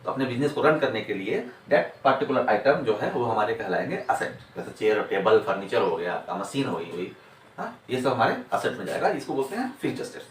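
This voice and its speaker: A man's voice: fairly low pitch, sing-song, fairly quick. A man teaching accounting in a classroom lecture, repeating points and answering his own rhetorical questions. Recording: echoey room, distant mic, faint noise.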